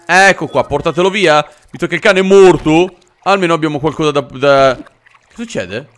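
A man hosting a let's play, narrating his gameplay with jokes and loud, animated exclamations. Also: a little high, normal speed. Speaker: gaming channel host.

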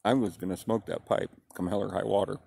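A man in his fifties telling a childhood story in a plain, unhurried way, with a pipe in his mouth. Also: fairly low pitch, steady tone, vocal fry, a little mellow, slightly rough. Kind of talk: casual personal storytelling.

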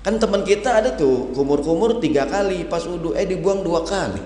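Animated preacher in an echoey hall. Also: male voice, high voice, fairly quick. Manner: animated, acts out questioners, addresses audience as hadirin. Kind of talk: lively sermon with humor. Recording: echoey hall with long reverb.

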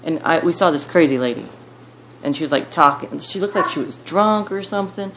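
Low-voiced woman rambling on camera. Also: a little fast. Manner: rambling, filler-heavy, animated retelling. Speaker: vlogger. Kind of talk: casual storytelling to camera. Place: at home, child nearby. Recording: noisy home recording with clicks.

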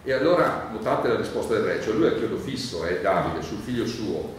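A lower-voiced man, a priest, explains a Bible passage in a loose, chatty lecture, filling pauses with "eh" and checking whether his listeners follow. The sound is very echoey and picked up from well away from the mic, with faint background noise. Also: lively intonation. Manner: conversational, digressive, many "eh" fillers, asks the audience questions. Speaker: priest teaching a Bible course. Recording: very echoey room, mic far off, light noise.

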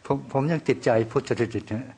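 A man's voice: a little fast, a little mellow. A man, an ordained monk, eagerly asking his teacher questions.

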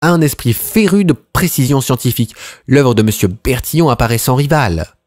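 A man voicing a gushing, high-pitched young doctor. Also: moderate pace, dry recording, clean studio sound, lightly acted. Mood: earnest. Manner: gushing and excitable, formally polite. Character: eager, gangly young country doctor, enthusiastic and effusive.

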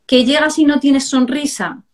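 A woman, a positive discipline educator, chatting on a live stream and telling parenting stories in a lively, explanatory way. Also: sits high, moderate pace. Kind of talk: casual chat on a live stream.

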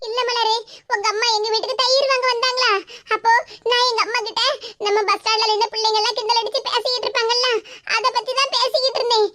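A woman's voice: extremely high pitch, steady tone, fast, sharp tone, slight background noise. A woman voicing an apologetic, chatty young best friend in a cartoon, with a Kanyakumari Tamil accent.

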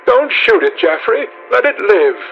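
A man voicing a sensitive young gentleman who speaks in pleading, emotional outbursts in an audiobook. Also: sits high, very animated, a little slow, gravelly, lo-fi sound, soft background music, pitched above the performer's own voice, full character voice. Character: sensitive young gentleman, anguished and tender-hearted.

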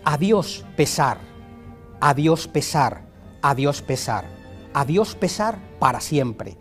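A man reading aloud as a henpecked medieval husband who mourns his lot in a repeated, drawn-out refrain. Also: a little high, big pitch swings, faint music behind. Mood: woeful lament. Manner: lamenting, recited refrain. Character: henpecked medieval husband, middle-aged man, woeful and complaining.

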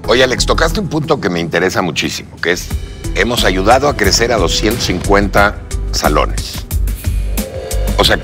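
Lower-voiced Mexican investor. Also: male voice, lively intonation, moderate pace, over music. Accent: Mexican Spanish. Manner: curious, conversational. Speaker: investor judge. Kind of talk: TV business panel.

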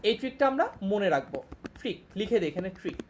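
A woman's voice: medium pitch, sing-song, fast, background noise. A young woman teaching an online class, patiently repeating each point and checking that her students follow.

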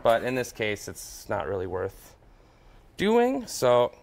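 A man in his thirties, a chef guest, walking through a fish recipe in a relaxed, explaining way with fillers. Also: medium pitch, slow, gravelly. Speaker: chef and cookbook author guest. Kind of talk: cooking demonstration on morning TV. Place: TV studio kitchen set. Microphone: lapel mic.

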